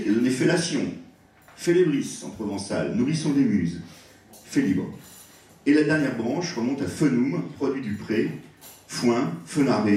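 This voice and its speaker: A man lectures at an evening event with a lively, swooping delivery, lingering over each word he explains. His voice sounds a little distant from the microphone. The sound rings around a big echoey hall. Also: medium pitch. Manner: expressive, savouring each word. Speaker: guest lecturer. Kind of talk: public lecture on word origins.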